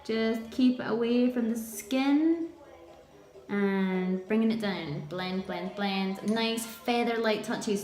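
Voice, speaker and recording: A woman's voice: mid-range voice, a little mellow, roomy sound. Chatty woman teaching nails live. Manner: chatty, teasing, quizzes her viewers. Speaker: nail technician teaching a live class. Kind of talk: live tutorial chat.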